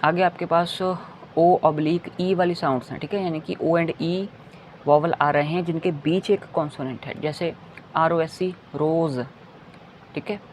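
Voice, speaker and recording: Phonics teacher, kindergarten lesson, unhurried, mid pitch, spells words letter by letter. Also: steady tone, a little hiss or hum. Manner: slowly spells out letters and sounds, repeating each word; says "theek hai" between points.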